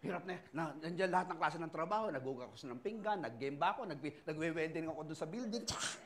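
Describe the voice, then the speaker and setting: A middle-aged male pastor with a Filipino accent, preaching a sermon full of personal testimony and acting out other people's voices in animated storytelling. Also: a little high, quick pace, a little hiss or hum. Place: church service.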